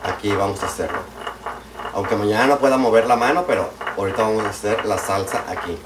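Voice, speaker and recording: Talking fast in a lowish voice, a Mexican-accented streamer cooks in his home kitchen at night and banters casually with viewers. He's affectionate, uses slang and pet names and greets people by name, while frying and clattering dishes sound in the background.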